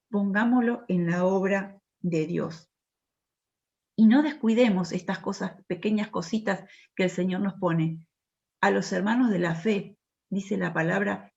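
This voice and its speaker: A woman's voice: mid-range voice, creaky, lo-fi sound. A woman preacher giving an impassioned sermon in church. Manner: impassioned, rising to emphatic exhortation.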